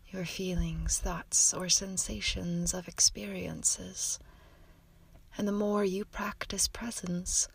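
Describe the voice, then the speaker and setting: A woman leading a guided meditation in a soft, soothing voice that often drifts into whispers. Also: medium pitch, creaky, husky, no room sound.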